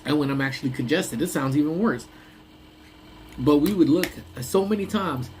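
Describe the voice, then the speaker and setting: During a casual live stream on his lunch break, a young man with a congested-sounding voice rambles, laughs a lot and drifts off mid-thought. He speaks at a moderate pace in a slightly mellow, higher-pitched voice, and a little background noise is audible.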